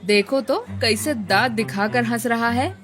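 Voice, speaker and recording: A woman's voice: a little high, measured pace, music in the background, close to an everyday voice. A woman playing a rustic indignant mother. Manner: indignant, rustic village speech. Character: middle-aged mother, proud and quick to scold.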